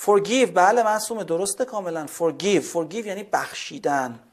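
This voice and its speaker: A male English teacher leading a vocabulary lesson, reading English words slowly and then explaining them. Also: sits high.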